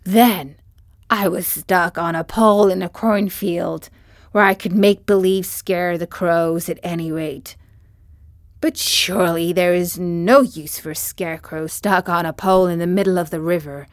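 A gentle, forlorn scarecrow made of straw laments in a wavering voice that rises and falls, as a woman reader puts him on. The delivery is uneven and pushed, close and dry. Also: lowish voice, steady tone, unhurried, dry recording, lightly acted.

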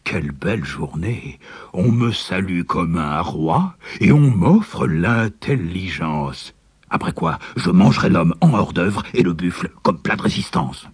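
A man's voice: low voice, sing-song, measured pace, breathy edge, no room sound, exaggerated voice. A man voicing a sly, greedy tiger in a storybook, purring and scheming as he talks. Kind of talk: storybook character voice.

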